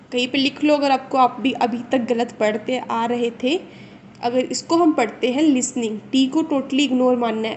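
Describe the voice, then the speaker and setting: A woman's voice: sits high, a little mellow, a little hiss or hum. A young woman teaching a phonics reading lesson to children, spelling out each word letter by letter before saying it and checking in with her listeners. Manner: slow, spells out letters then says the word.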